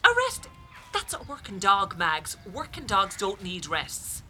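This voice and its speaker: A woman's voice: medium pitch, big pitch swings, unhurried, pushed and bright, faint music behind, exaggerated voice. An actress playing a stubborn, fretful older Irish farm mother who scolds and frets, in a radio comedy. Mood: indignant. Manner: indignant, scolding.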